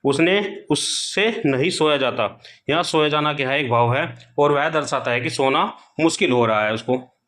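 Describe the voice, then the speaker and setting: A man giving a grammar lesson for exam students. He asks questions aloud, answers them himself, and slowly repeats each key point. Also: fairly high pitch, a bit bright. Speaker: Hindi grammar teacher.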